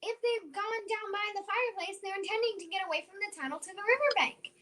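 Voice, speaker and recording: Little Orphan Annie, very high and plucky woman's performance. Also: fast, pushed and bright. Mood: alert, resourceful. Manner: earnest, urgent, exclamatory. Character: plucky, quick-witted little orphan girl detective. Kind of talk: old-time radio serial acting.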